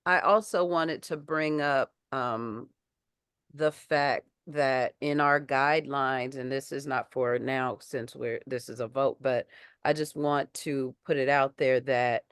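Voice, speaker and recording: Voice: mid-range voice, smooth, no echo, studio quality. A committee member on a video call, speaking earnestly and thinking aloud with restarts. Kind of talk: community board meeting discussion.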